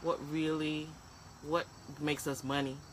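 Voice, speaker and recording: A woman co-hosting a casual live-stream chat, frank and animated, ranting with quick asides. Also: sits low, slight background noise, rough recording. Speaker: co-host.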